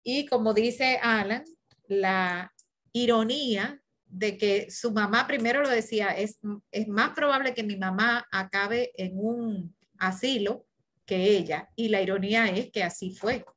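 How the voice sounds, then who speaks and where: A woman joins a film forum discussion. She speaks in a relaxed, conversational way at a middle pitch and asks the group questions as she goes. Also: measured pace.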